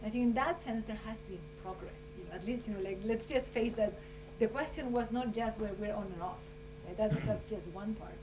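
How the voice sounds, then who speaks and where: A Chilean scientist gives earnest, rambling closing remarks at a conference, peppering her talk with "you know" and "like." Her medium-pitched voice moves briskly with hardly any pauses. A distant mic in the conference room picks up a hum.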